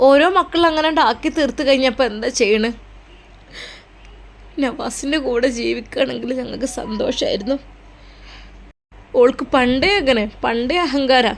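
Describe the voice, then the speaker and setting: A woman voicing a sorrowful middle-aged mother with a Malappuram accent, who complains in a plaintive tone. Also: sits high. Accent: Malappuram Malayalam.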